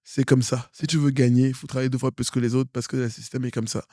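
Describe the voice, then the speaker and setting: A man's voice: medium pitch, level tone, fast, mellow, no room sound, clean studio sound. A man from Cameroon with a Cameroonian French accent, a guest in an interview who stresses points by repeating words. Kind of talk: interview conversation.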